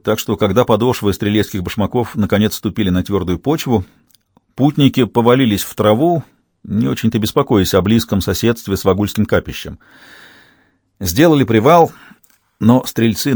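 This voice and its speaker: A man narrating an audiobook in an expressive storytelling manner. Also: on the low side, no echo, studio quality. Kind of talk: scripted narration.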